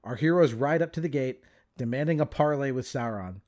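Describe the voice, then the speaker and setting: A man's voice: medium pitch, lively intonation, brisk, darkish tone. A man co-hosting a podcast, recapping and discussing a film in a casual way. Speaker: podcast co-host.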